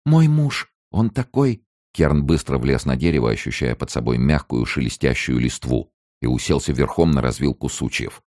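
A man reading a novel aloud as an audiobook narrator, in a steady, measured storytelling manner. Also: a bass voice, no room sound, studio quality. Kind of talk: scripted narration.

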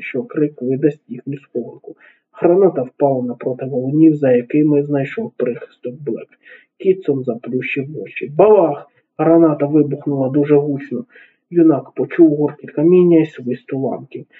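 A man narrating an audiobook in a steady, even reading voice. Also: a little high, normal speed, breathy edge. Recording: narrow phone-like sound.

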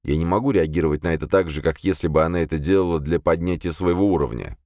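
Deep-voiced male audiobook narrator. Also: fast, a little mellow, dry recording, studio quality. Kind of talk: first-person fantasy audiobook narration.

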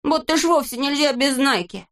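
A woman voicing an excitable, boastful little boy who yells in a shrill voice. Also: normal speed. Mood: cocky boasting. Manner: shrill, yelling, cocky.

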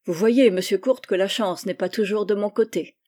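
Lady voicing a modest young worker, polite and easygoing, mellow voice. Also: mid-range voice, moderate pace, close to an everyday voice. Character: young working man, modest, polite card player.

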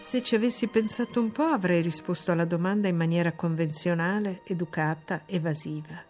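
A woman reading a classic novel aloud in a measured, expressive narration. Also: fairly low pitch, music in the background. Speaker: audiobook reader. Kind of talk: scripted literary narration.

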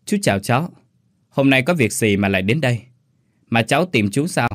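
A man voicing a calm, mild middle-aged neighbor. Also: medium pitch, brisk, no echo, clean studio sound.

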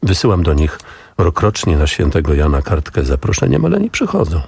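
A man's voice: very deep voice, wildly swooping pitch, brisk, vocal fry, darkish tone, slightly rough, no echo, exaggerated voice. A man voicing the Fillyjonk, a fretful, lonely storybook lady who sobs and complains, while reading a story aloud on radio. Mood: plaintive. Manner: sobbing, plaintive, then suddenly delighted.

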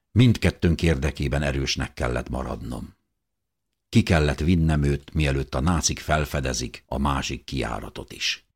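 A man reading a first-person audiobook in a steady, measured way. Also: a bass voice, gravelly, slightly rough. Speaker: audiobook narrator.

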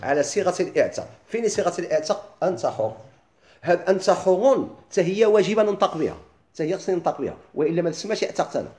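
A middle-aged man with a Moroccan accent, teaching a classroom lesson. He keeps asking his listeners quick questions and then answers them himself. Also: sits high, lively intonation, darkish tone, reverberant. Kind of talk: classroom lesson explaining legal theory.

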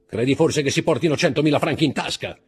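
A man voicing a hungry, indignant middle-aged banker held prisoner, pompous and exasperated, in a husky voice. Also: a little high, big pitch swings, normal speed, voice pushed up.

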